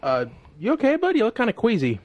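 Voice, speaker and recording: Man voicing a high, swooping, offhand talking raven. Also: huge pitch swings, fast, lo-fi sound, heavily acted. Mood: casual, blithe. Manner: offhand, colloquial, comic. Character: casual, chatty male talking raven, blithely unbothered. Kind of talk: comic sketch dialogue.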